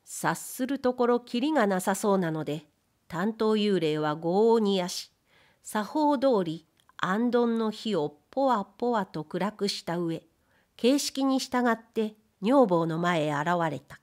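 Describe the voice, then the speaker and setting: A woman narrating a period story in a measured storytelling manner. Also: medium pitch, expressive, darkish tone. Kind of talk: audiobook reading of period fiction.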